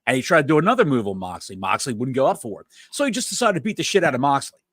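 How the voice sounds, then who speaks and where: Bright, dry-sounding man on a podcast. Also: medium pitch, very animated, very fast, no room sound. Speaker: podcast co-host. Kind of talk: casual wrestling chat.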